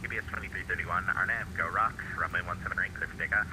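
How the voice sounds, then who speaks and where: A man's voice: low-pitched, fairly even intonation, quick pace. A man working as an air traffic controller over the radio, giving clipped procedural instructions to pilots. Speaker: air traffic controller in an online flight simulation. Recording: loud radio background noise.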